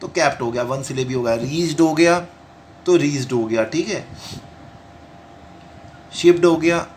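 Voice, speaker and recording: A man's voice: fairly high pitch, a little mellow, a little hiss or hum. Man teaching shorthand, repeating each point. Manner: repeats each point slowly, often asks and answers his own questions; mixes Hindi with English terms, reads rules out in English. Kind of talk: home lesson with explanations.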